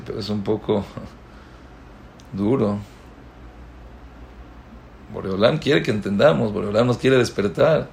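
A man giving a religious lecture as a rabbi. He tells stories and swings from loud exclamations to hushed asides. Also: on the low side, gravelly, slight background noise. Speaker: rabbi giving a Torah talk.

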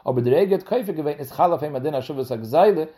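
A man's voice: fairly high pitch, lively intonation, very fast, mellow. A man giving a Talmud lesson, explaining each step and speaking directly to the listener. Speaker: Talmud teacher.

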